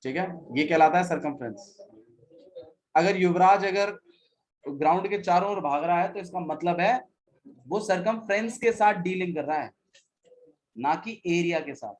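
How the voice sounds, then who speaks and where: A man's voice: sits high, normal speed, long pauses, low-quality recording. A male maths teacher giving a classroom lecture, repeating key phrases and quizzing his students as he goes.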